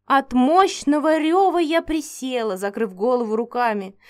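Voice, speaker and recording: A woman narrating a first-person fantasy audiobook in a steady storytelling reading. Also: sits high, normal speed.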